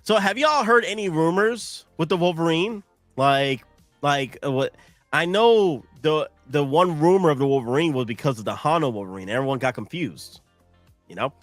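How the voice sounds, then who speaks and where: With a voice on the high side, lively intonation and a moderate pace, a tired Southern American man in his thirties rambles through a casual live-stream chat. The fairly bright tone is captured dry, soft music in the background, as he restarts and throws asides to viewers.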